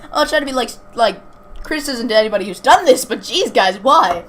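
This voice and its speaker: With a slightly high, somewhat bright voice and lively intonation, a young gaming video host talks briskly about a game and reads its text aloud. She is informal and chatty and sometimes fumbles her words. The home recording is amateur and clearly noisy.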